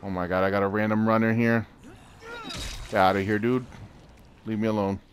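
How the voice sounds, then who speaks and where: A man's voice: on the low side, flat delivery, moderate pace, slight background noise. A man chatting casually while playing a co-op game, often exclaiming and laughing. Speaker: gamer. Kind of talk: casual co-op gameplay chat.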